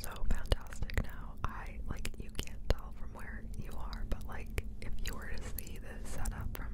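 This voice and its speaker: Indoors on a couch, a woman whispers softly and unvoiced into a close binaural mic at a moderate pace, shifting from one ear to the other. Her ASMR chat rambles, hesitant and self-deprecating.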